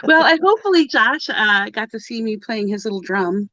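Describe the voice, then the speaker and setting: Her voice sits on the high side, bright and forceful, expressive at a normal speed. She's co-hosting a pagan livestream as a casual group chat on a live video call, wandering through the topic with plenty of laughter. Dull, dry video-call audio with no echo.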